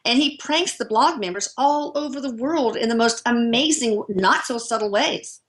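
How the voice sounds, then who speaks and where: A woman's voice: a little high, normal speed. A woman speaking as a guest author, telling stories enthusiastically in casual chat with frequent fillers.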